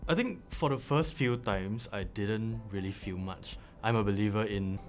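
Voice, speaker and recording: A man's voice: fairly low pitch, moderate pace, soft background music. A man in his late twenties from Vietnam, answering interview questions in a reflective way with many fillers. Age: 20s.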